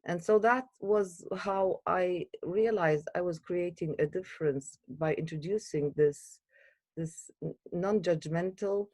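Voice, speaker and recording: A woman from Iraq, a guest in an interview, speaking earnestly and hesitantly with many pauses and fillers. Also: on the low side, mellow, dry recording.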